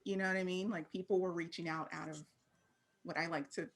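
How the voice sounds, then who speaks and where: A creative professional from Fort Worth, Texas, speaks with an American accent as a guest in a casual interview, candid and informal and laughing often. Her voice is fairly low with fairly even intonation, and she talks a little fast.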